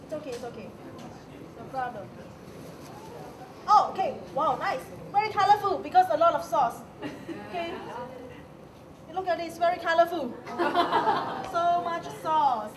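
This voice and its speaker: High-voiced young Malaysian woman guiding cooks. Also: animated, far from the mic. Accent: Malaysian English. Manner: encouraging, chatty, quick to laugh. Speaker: cooking demonstrator. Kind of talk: casual hands-on cooking instruction. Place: bright indoor activity room. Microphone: far camera. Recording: echoey room with loud crowd chatter.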